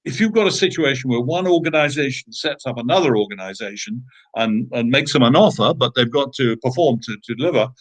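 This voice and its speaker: A man's voice: medium pitch, expressive, a little fast. A British man, a guest in an interview, telling a story in a conversational way: emphatic, with frequent fillers and restarts.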